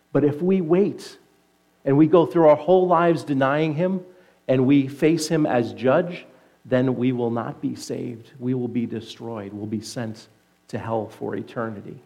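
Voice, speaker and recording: A man preaching a sermon, retelling scripture as vivid story and letting his voice sink low and soft to stress key points. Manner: earnest preaching that drops low and soft for emphasis. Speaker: pastor.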